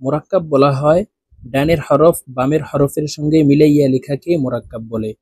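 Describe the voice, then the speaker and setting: Male Quran reading tutor, fairly high voice, dry close sound, very slow melodic letter recitation with careful pronunciation, instructive. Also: a little mellow, husky, no room sound. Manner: instructive, addresses viewers directly. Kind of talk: recorded video lesson.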